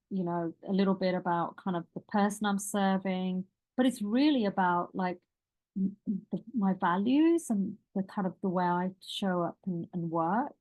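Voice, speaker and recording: A woman leadership coach teaching a live online workshop in a loose, chatty, rambling way that keeps starting over. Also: medium pitch.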